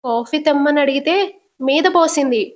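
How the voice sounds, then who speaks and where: A scheming, sharp-tongued old grandmother, as a woman narrator puts her on, her voice pitched a little high. She sounds shrill and indignant, always plotting, told as a spoken storybook retelling of a TV serial. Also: normal speed, lightly acted.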